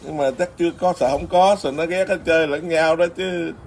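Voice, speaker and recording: A man's voice: fairly high pitch, fairly even intonation, fairly quick, vocal fry. A man who is a Buddhist monk, chatting casually and teasing, laughing often. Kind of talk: casual chat. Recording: noisy background.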